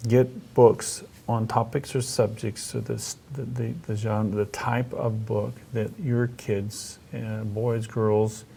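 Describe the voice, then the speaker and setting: A middle-aged man hosting a casual conversational interview, speaking haltingly as he thinks aloud and rephrases. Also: on the low side, flat delivery, vocal fry, dark tone, a little hiss or hum. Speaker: host interviewing about reading aloud to children.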